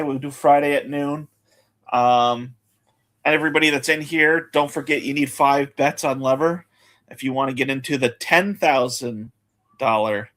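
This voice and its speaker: Male betting-show host, relaxed and chatty, mid pitch. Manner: relaxed, chatty, rattles off lists. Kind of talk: casual betting talk.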